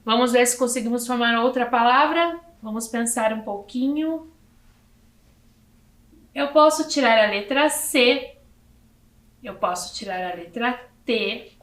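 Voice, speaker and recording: A woman from Brazil teaching young children in a video lesson, slowly counting letters and syllables aloud. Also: a little high, a bit bright, echoey room.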